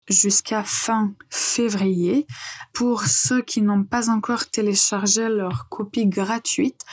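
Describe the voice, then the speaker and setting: A woman teaching French on a podcast, explaining phrases patiently with frequent pauses and hesitations. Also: medium pitch, a little mellow, husky. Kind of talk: podcast language lesson.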